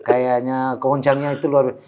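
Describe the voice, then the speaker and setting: A man's voice: medium pitch, level tone, moderate pace, highs cut off. A man from Timor, an Islamic preacher, telling his life story in a casual interview, acting out quoted dialogue and laughing often.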